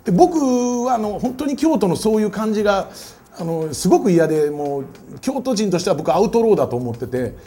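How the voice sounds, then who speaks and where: A man's voice: high-pitched, a little fast. A man in his forties from Kyoto with a Kyoto Kansai accent, explaining in a casual lecture with many hesitant fillers. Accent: Kyoto Kansai dialect. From Kyoto, Japan. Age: 40s. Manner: hesitant, many fillers, animated voicing of quoted people. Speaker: guest lecturer.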